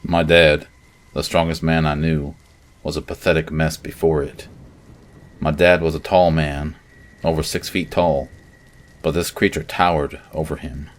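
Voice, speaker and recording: A man narrating a scary story in the first person, with measured, dramatic storytelling. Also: extremely low pitch, little pitch movement. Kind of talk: scripted horror story narration.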